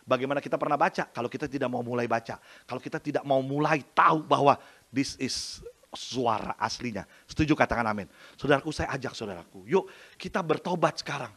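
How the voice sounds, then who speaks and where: A middle-aged man preaching a sermon as pastor, going from soft asides to loud emphasis. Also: mid-range voice, quick pace, slightly rough.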